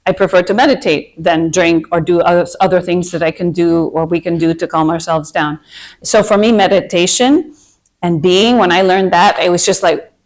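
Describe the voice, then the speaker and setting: A woman's voice: on the low side, moderate pace. A woman in her fifties from Minnesota with a Minnesota accent, hosting a casual group talk about anxiety and speaking earnestly in long rambling runs full of restarts. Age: 50s. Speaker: anxiety workshop host.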